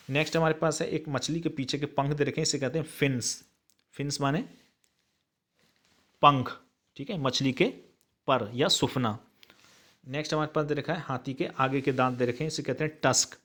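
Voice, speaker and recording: A man with an Indian English accent explains a school lesson in a mid-pitched voice. He dictates English sentences slowly, word by word, and translates each phrase. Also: a bit bright. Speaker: teacher.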